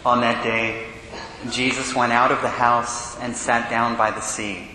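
A man, a priest, reads the gospel and preaches a sermon in a large church, in a measured, solemn way, and his voice rings with cathedral echo. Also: mid-range voice, little pitch movement, crowd noise. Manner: measured, solemn reading that turns earnest and quick in the homily. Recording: cathedral echo with long reverb, faint hum.

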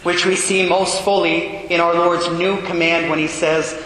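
Priest, male, slightly high bright voice, measured homily in a cavernous cathedral echo. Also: little pitch movement, a little hiss or hum. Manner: measured, preaching, rhetorical questions. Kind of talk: gospel reading and homily. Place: large church. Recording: booming long reverb in a large church.

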